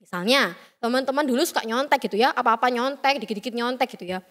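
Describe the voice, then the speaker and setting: A young woman gives a chatty youth sermon, playfully acting out the voices she quotes. Her voice sits high and her words come fast. A long hall reverb trails behind her. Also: fairly bright tone. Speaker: youth service speaker.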